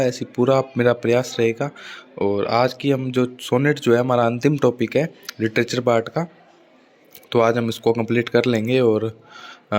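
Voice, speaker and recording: A man teaching an exam-prep literature lesson, explaining in Hindi and reading lines out slowly. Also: mid-range voice. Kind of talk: exam-prep online lecture.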